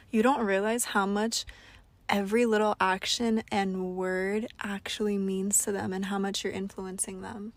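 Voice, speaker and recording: A young woman co-hosting a podcast, chatting casually in an animated, gushing way. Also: mid-range voice, dry recording. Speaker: podcast co-host.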